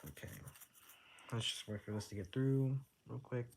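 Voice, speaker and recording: A man's voice: medium pitch, fairly even intonation, moderate pace, darkish tone, slight background noise. A young man casually explaining how to play a rhythm game chart, counting out note timings aloud and swearing in passing as he restarts his sentences. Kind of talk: casual tutorial commentary. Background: rhythm game music.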